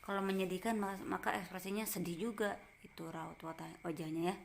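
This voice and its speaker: A woman teacher giving a gentle lesson to a class, explaining step by step in short phrases and checking in with her pupils. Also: on the low side, steady tone, brisk, slight background noise.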